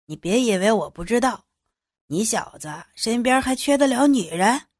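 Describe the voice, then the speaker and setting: A woman doing a smug older official with a lowered voice. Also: lively intonation, normal speed, no echo, studio quality. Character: older male official, leering and boastful.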